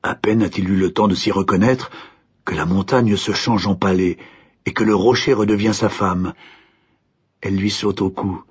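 A man narrating a fairy tale in an expressive storytelling manner. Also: lowish voice, moderate pace, slightly rough. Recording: dull lo-fi recording.

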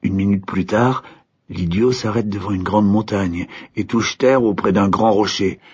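A man narrating a fairy tale in an expressive storytelling manner. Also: fairly low pitch, unhurried, slightly rough. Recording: dull lo-fi recording.

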